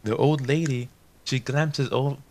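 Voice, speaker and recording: A man's voice: medium pitch, fairly even intonation, a little slow, darkish tone. A young man telling viewers a casual, rambling story in a chatty, slangy way. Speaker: gaming channel host.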